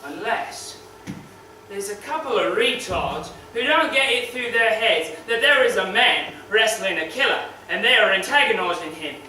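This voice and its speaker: A man's voice: high voice, expressive, normal speed, slight background noise, exaggerated voice. A man playing a foul-mouthed croc wrestler, far and echoey. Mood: boastful. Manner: foul-mouthed, swings between swagger and shouted despair. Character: crude, cocky male crocodile wrestler, later maimed and grieving. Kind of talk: dramatic monologue. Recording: very echoey room, mic far off, faint ambience.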